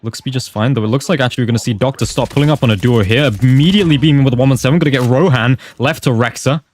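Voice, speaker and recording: Fast-talking male esports caster. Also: medium pitch, darkish tone, a little hiss or hum. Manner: rapid, clipped play calls. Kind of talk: play-by-play game commentary.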